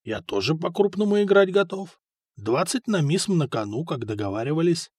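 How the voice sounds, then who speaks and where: A man's voice: fairly high pitch, very animated, normal speed, darkish tone, no room sound. A man doing a guarded, scheming dice cheat. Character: cunning grown male dice cheat, tense.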